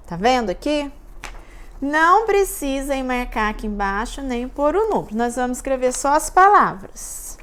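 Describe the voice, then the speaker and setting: A woman teacher speaks to young children in a high, bright-pitched voice. She takes her time, drawing words out syllable by syllable in a gentle sing-song. It is a patient classroom recap for little ones.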